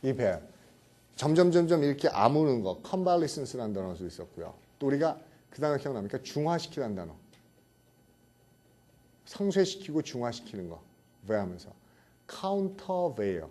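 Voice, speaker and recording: A man's voice: mid-range voice, very animated, normal speed, pauses often, mellow. A middle-aged man giving a vocabulary lecture, repeating words and often checking in with his students. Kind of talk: classroom lecture.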